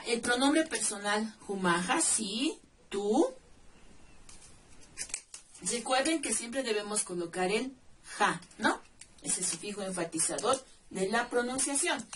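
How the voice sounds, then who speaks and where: A woman's voice: fairly high pitch, expressive, slow pace, pauses often. A woman teacher explaining grammar step by step, patiently spelling out suffixes and checking in with the listener. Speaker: language teacher. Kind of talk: slow, deliberate classroom explanation. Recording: distant mic with faint background noise.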